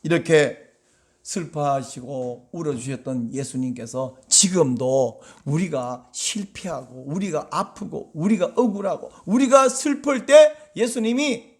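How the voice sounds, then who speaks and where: A man preaching a sermon as pastor, talking conversationally to the congregation and acting out quoted voices. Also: unhurried. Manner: animated, acts out quoted voices with big pitch swings; conversational, asks the congregation questions.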